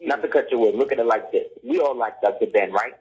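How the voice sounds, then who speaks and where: A fast-talking middle-aged man with a husky, slightly mellow mid-range voice lectures in a conversational style as a podcast guest. He pushes his points hard and often asks whether the listener follows: "you see what I'm saying?" Audio quality is dull and lo-fi.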